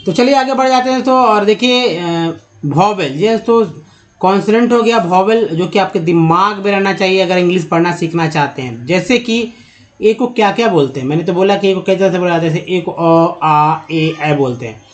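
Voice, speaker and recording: A man with a high voice gives a relaxed spoken lesson on letters and sounds. He explains step by step, pausing and filling gaps as he goes, and calls his viewers friends. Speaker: English teacher.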